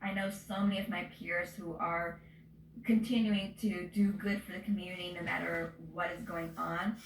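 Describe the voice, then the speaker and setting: A woman's voice: lowish voice, steady tone, moderate pace, slight background noise. Passionate young woman activist. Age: 20s. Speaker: student activist. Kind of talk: news interview statement. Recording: roomy audio.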